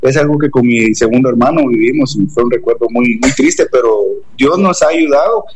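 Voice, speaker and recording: Earnest Guatemalan man, halting testimony. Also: medium pitch, a little mellow, husky, rough recording. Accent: Guatemalan Spanish. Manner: earnest, hesitant, many restarts and fillers like "pues". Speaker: interview guest. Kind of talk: personal testimony.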